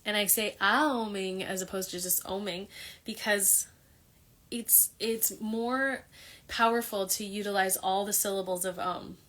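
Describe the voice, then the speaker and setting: Female wellness host, casual rambling delivery, mid pitch, chatty to camera. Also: fairly even intonation, measured pace, fairly bright tone. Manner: loose, rambling, with many restarts and fillers. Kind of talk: casual monologue on yoga.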